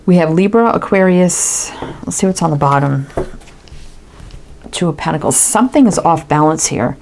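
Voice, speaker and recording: A woman's voice: deep voice, expressive, moderate pace, creaky, a little mellow, a little hiss or hum. A woman giving a casual tarot reading, musing aloud and tagging her thoughts with "right?". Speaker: tarot reader.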